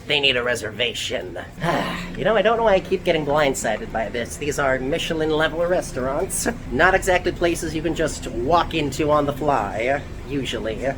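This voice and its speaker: A man's voice: fairly high pitch, animated, normal speed, few pauses, background noise. A man chatting casually to viewers as a food and travel vlogger, jokey, self-deprecating and a bit sweary. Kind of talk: casual vlog narration to camera. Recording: background music over vlog audio.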